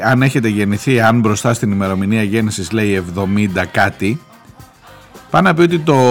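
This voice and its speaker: A man hosting a radio show, telling a news story in a chatty, joking way. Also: medium pitch. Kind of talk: casual current-affairs commentary.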